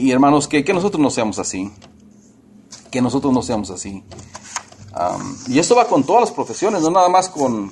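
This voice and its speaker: Preacher, talky and repetitive. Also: male voice, mid-range voice, darkish tone, husky. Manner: conversational, repeats and restarts words. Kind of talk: casual sermon.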